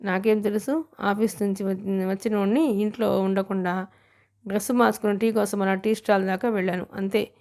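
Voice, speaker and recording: A woman's voice: mid-range voice, fairly even intonation, brisk, darkish tone, close to an everyday voice. Woman reading as a beaten-up, whining young man. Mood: self-pitying. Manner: complaining, weary. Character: bruised, self-pitying young man.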